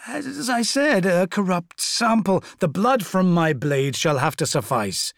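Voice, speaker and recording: A cold male apothecary explains things in a high, strained, clinical tone and slips into fawning excuses, as a male narrator puts him on. The voice sits far above the reader's own, with an odd edge to it. The sound is dry and close. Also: expressive, a little slow, vocal fry, dry recording, full character voice. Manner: clinical, obsequious.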